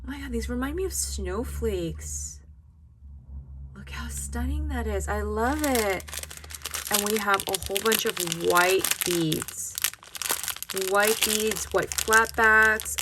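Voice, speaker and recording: A woman's voice: medium pitch, background noise. A woman giving casual unboxing commentary in a gushing, grateful manner, drawing out her exclamations. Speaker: craft vlogger unboxing happy mail.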